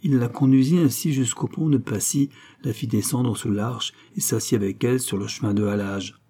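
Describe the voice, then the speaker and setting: A man narrating a classic novel in a steady, measured reading. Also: medium pitch, slightly rough. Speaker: audiobook narrator.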